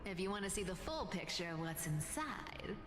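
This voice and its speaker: A woman's voice: mid-range voice, sing-song, normal speed, a bit bright, a little hiss or hum. An actress playing a playful, sly cat-girl trickster in a fantasy video game, with a teasing, breezy, theatrical delivery. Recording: echoing game audio under music.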